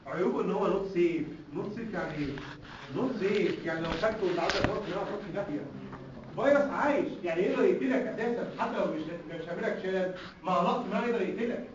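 A man with an Egyptian Arabic accent delivers a rapid-fire medical lecture in a fairly high voice, breaking in with rhetorical questions and joking asides. The recording is distant and dull, with a strong hall echo and faint room ambience. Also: noisy background.

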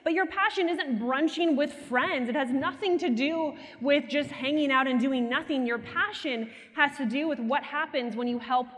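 A young woman giving an animated, teasing motivational keynote on a conference stage through a headset mic. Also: sits high, normal speed, few pauses. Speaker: keynote speaker. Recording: hall reverb from a conference stage.

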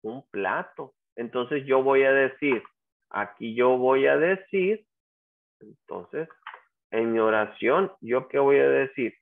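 An English teacher leads an online class over a video call, patiently walking students through each step and repeating their names. His male voice sits in the mid-range, slow and creaky, and the call audio is tinny and lo-fi.

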